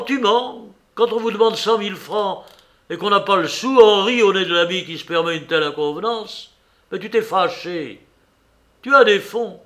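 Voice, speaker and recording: A man voicing a mocking, relentless blackmailer who jeers and presses his demands loudly. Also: high voice, full character voice. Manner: raised, jeering, emphatic.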